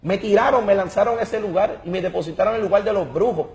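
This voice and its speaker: A man tells his religious testimony with fervor and drama. His voice sits fairly high for a man. He stresses words and repeats himself as he reaches for the next thought. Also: quick pace, creaky, a little mellow. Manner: emphatic and dramatic, repeats words while searching. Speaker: guest giving a testimony.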